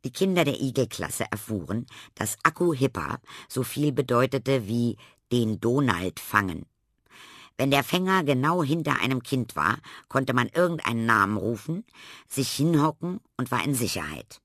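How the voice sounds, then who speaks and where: A man narrating a children's storybook in a lively, expressive way. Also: mid-range voice, moderate pace, dry recording, studio quality.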